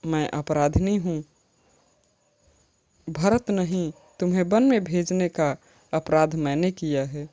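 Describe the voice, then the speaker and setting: A woman's voice: deep voice, slow pace, long pauses, mellow, dull audio. A woman teacher reciting lines of verse and then explaining them plainly to her students. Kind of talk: Hindi poetry lesson explanation.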